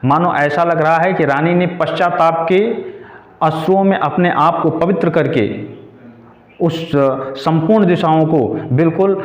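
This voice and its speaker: A man's voice: fairly high pitch, lo-fi sound. Man explaining verse in an echoey room. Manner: recites verse lines slowly, then explains in plain speech. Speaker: teacher. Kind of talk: Hindi poetry lesson, line-by-line explanation.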